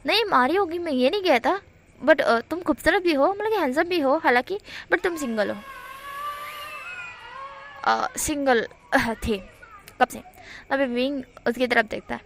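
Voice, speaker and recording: A young woman retells a romance fan story in a relaxed, chatty way, talking straight to her viewers. Her voice sits high and carries a gravelly fry. She slips into the characters' quoted lines as she goes. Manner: chatty, addresses listeners as guys, mixes English words. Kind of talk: casual story retelling with acted dialogue.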